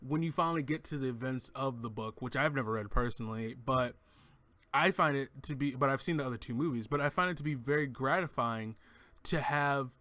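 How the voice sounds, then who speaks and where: Guy gushing about a tv episode, bright voice, dry close sound, keeps restarting. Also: medium pitch, fairly quick, dry recording. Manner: enthusiastic, rambling, with frequent restarts. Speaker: TV show reviewer. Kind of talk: casual spoken episode review.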